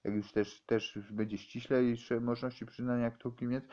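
A man giving a rambling, halting explanation, stumbling over words and restarting often. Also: medium pitch, flat delivery, darkish tone, muffled recording.

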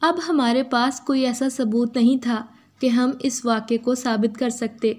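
A woman with an Urdu accent reading a first-person story as a steady, even narrator. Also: on the high side, a little slow.

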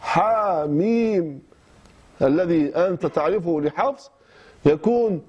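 Speaking with an Iraqi Arabic accent, a man from Kirkuk, Iraq, explains recitation rules to his class in short phrases with many hesitations and restarts. His high voice is animated, brisk and mellow with a breathy edge. The class recording is dull lo-fi.

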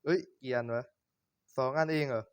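A man's voice: medium pitch, normal speed, smooth, no room sound. Young man chatting through a game. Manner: chatty, swears, talks to himself while playing. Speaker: gaming YouTuber. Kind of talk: casual Minecraft let's-play commentary.

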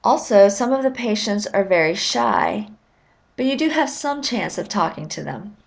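A woman teaching a recorded class. She explains step by step in a measured, clear way, with now and then a filler word. Her voice sits at an ordinary middle pitch. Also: lively intonation. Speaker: lecturer. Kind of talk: recorded lecture narration.

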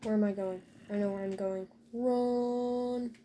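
A woman's voice: medium pitch, completely flat delivery, fast, mellow, slight background noise. A woman casually commentating her own gameplay, talking to viewers with joking asides and dry sarcasm.

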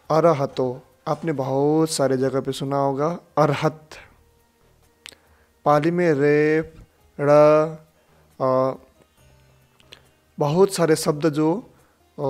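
Male Buddhist teacher, fairly high voice, unhurried and careful, models each syllable over faint background music. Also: a little mellow. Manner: slow, deliberate, chants and repeats syllables to model them. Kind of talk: pronunciation lesson.

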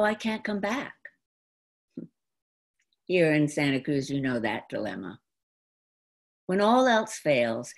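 Recorded through a computer microphone on a video call from a room at home, a New Yorker in her seventies performs a theatrical monologue telling her own life story. Her low, expressive voice has a breathy edge, and she phrases things deliberately and dramatically with pauses.

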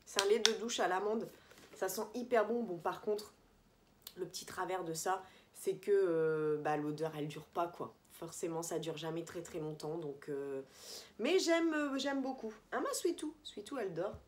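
A beauty vlogger with a lowish, animated voice chats casually and without hurry through a product review from a holiday apartment. She rambles, corrects herself, and uses lots of fillers.

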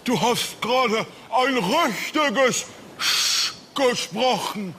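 A man playing a gentle, mournful seal in a children's stage play. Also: extremely high pitch, lively intonation, drawn-out words, slight background noise, full character voice. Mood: solemn. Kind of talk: children's theatre acting.

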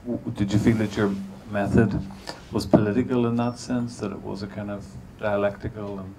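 On a cinema stage, a middle-aged man chairs a panel and interviews a guest, asking long questions that keep restarting. He talks into a handheld mic in a lowish, fairly flat voice at a moderate pace, against heavy background noise.

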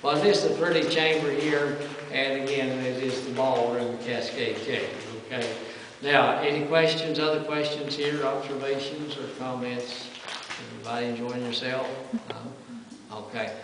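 A man's voice: mid-range voice, steady tone, moderate pace. A man working as a cave tour guide, chatting informally and folksily to his group and often checking in with them. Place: inside a large cave chamber. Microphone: distant handheld camera in the tour group. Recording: echoing cave, distant mic, noisy.

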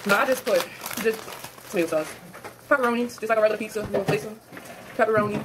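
A young woman speaks very fast at a medium pitch, casually addressing her viewers as y'all while she cooks in her own kitchen. Captured on a phone camera set on the counter, the recording is noisy and clattery.

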